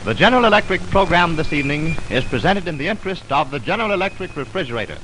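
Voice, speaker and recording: An American man reads a 1920s radio programme announcement from a script in a radio studio, formal, measured and declamatory. His voice sits on the high side with lively intonation, and the old recording is scratchy.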